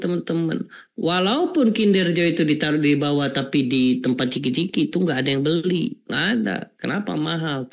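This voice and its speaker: A man hosting an online marketing webinar, talking casually and asking the audience whether they follow him, with many fillers. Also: fairly high pitch. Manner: chatty, repeats rhetorical questions to the audience, many fillers. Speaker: webinar host teaching landing pages.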